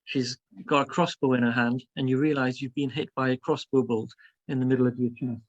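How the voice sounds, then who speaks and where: A man's voice: mid-range voice, steady tone, brisk, lo-fi sound. A man running a tabletop role-playing game as game master, narrating it in a hesitant, piecemeal way.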